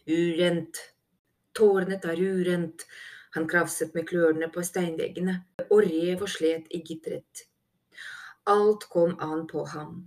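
A woman's voice: fairly low pitch, darkish tone. Woman narrating a fantasy audiobook. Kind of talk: scripted narration.

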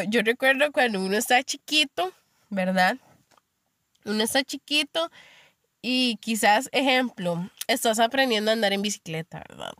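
Costa Rican woman, young adult, podcast host; chatty, rambling storyteller with a slightly high voice, dry close sound. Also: fairly bright tone, dry recording. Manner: chatty storytelling with frequent fillers. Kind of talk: casual monologue.

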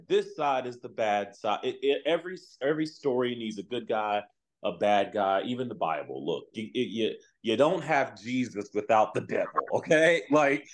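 A man co-hosting a reality TV podcast, talking in an emphatic, joking way. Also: mid-range voice. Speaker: podcast co-host. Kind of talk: casual podcast chat.

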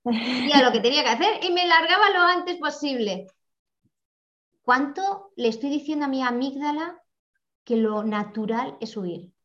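Animated woman with lively repeated phrases. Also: high voice, moderate pace. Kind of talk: reflective conversational talk. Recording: muffled lo-fi audio.

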